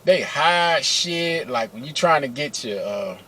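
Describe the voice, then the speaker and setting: A middle-aged man with a fairly high voice spins a personal story straight to his camera. He talks in a loose, slangy way, curses freely and keeps calling out to his viewers. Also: unhurried, slight background noise. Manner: animated, slangy and profane, addresses viewers as y'all. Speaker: vlogger telling personal stories. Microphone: camera mic, close.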